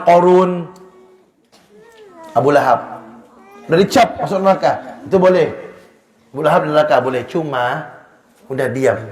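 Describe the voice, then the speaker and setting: A man teaching an Islamic study sermon in a lively way, booming at some points and dropping to a hush at others. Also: reverberant. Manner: animated, shifts between loud emphasis and hushed low lines. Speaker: religious teacher. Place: Islamic boarding school hall.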